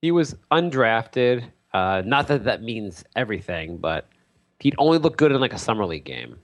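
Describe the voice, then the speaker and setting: A man's voice: medium pitch, very animated, normal speed. A man co-hosting a podcast, chatting casually about basketball with a sarcastic, jokey manner. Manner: sarcastic, jokey, acts out quotes. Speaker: podcast co-host. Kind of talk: casual sports chat.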